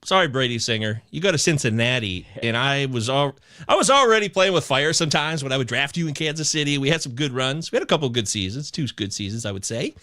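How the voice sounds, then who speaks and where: A man talking fantasy baseball picks on a podcast, theatrical and emotional, swinging from loud outbursts to quiet asides. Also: medium pitch, expressive, fast. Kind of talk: casual podcast chat.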